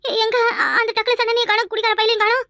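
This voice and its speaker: A frantic young daughter-in-law wails and accuses in a cartoon, played by a woman. The voice is very high and sharp, quick-paced, recorded dry and close. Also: no echo. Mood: panicked. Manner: panicked, wailing, accusing. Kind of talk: cartoon voice acting.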